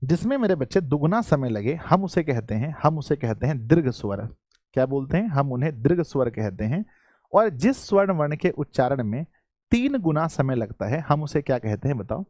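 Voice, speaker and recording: A male Hindi grammar teacher with a Bihari accent, giving a live online class. He keeps asking his students questions, repeats key points, and often clears his throat. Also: mid-range voice, sing-song, moderate pace, a little mellow, dry recording, clean studio sound.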